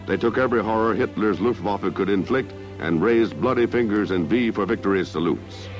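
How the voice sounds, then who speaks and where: A man narrating an old 1960s newsreel in a declamatory, stately manner, heard on a film soundtrack. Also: fairly low pitch. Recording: dull lo-fi 1960s newsreel audio with music.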